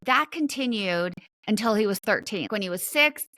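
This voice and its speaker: A woman's voice: mid-range voice, lively intonation, moderate pace, pushed and bright, no echo. A woman in her fifties hosting a podcast, telling family anecdotes in a chatty, casual way with light fillers. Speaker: podcast host. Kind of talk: casual storytelling interview.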